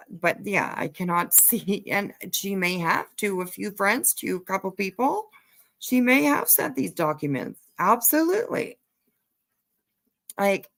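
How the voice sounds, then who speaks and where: A woman hosts a casual livestream, speaking bluntly and with emphasis. She repeats phrases to drive points home and swears offhandedly, in a medium-pitched voice that is creaky and slightly bright.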